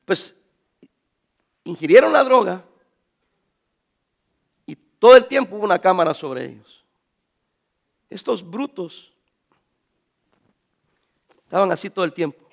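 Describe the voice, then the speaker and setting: High-voiced man preaching a sermon. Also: unhurried, gravelly, long pauses. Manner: animated preaching, addresses listeners as brothers; acts out quoted voices. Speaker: pastor.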